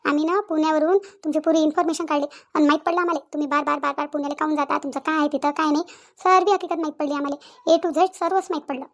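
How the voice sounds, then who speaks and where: A woman's voice: sits high, flat delivery, rapid-fire. A woman voicing a chatty young sister-in-law in a village cartoon, bickering and confronting.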